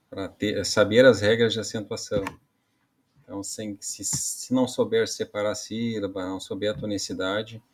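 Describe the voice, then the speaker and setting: A man teaching an online Portuguese grammar lesson, explaining casually, often ending phrases with tag questions and restarting mid-sentence. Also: fairly low pitch. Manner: casual explaining with frequent "né" and "tá" tags; halting restarts while explaining.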